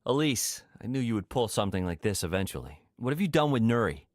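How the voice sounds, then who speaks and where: A man's voice: on the low side, big pitch swings, fast talker, dry recording, studio quality. An actor playing a casual, skeptical and wry young man in a video game. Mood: suspicious. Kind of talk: video game character acting.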